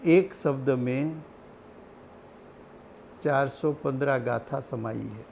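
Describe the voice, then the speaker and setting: A man giving a slow, deliberate religious study lecture, repeating key points for his listeners. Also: medium pitch, creaky, a little mellow, slight background noise. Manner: slow, deliberate teaching with repetition. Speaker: scripture teacher.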